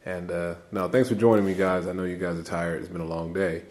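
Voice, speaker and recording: A man's voice: low-pitched, little pitch movement, fairly quick, darkish tone. A man hosting a casual interview, playful and laid-back as he introduces his guests. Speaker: interviewer, host.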